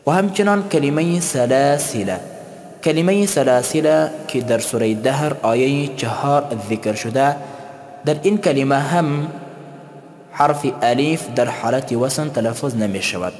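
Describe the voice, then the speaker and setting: A man teaching a tajweed lesson. He explains slowly and chants the example words. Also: mid-range voice, a little mellow. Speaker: Quran recitation teacher. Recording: long hall reverb.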